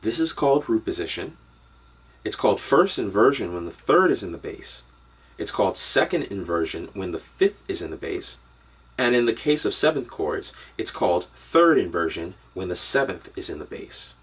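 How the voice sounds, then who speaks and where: A man's voice: lowish voice, very animated, moderate pace, fairly bright tone, breathy edge, far from the mic. A man giving an upbeat, direct online lesson on piano harmony. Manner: upbeat, direct instructional delivery. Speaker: music teacher.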